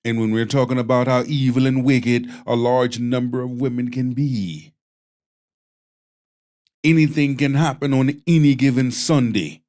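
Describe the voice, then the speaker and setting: A man with a Jamaican accent and a mid-range, steady, darkish voice hosts a stream, preaching slowly and bluntly over clips, and he swears as he goes.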